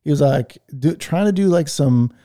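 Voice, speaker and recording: Pitched on the high side, this male podcast host sounds mellow, with lively intonation and a moderate pace. In a casual live audio room chat, he tells rambling stories stuffed with fillers.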